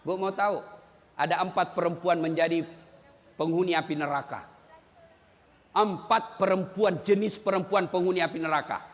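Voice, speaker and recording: A man giving a humorous, lively Islamic sermon, joking and sometimes shouting to his audience. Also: sits high, normal speed, long pauses, in a large hall.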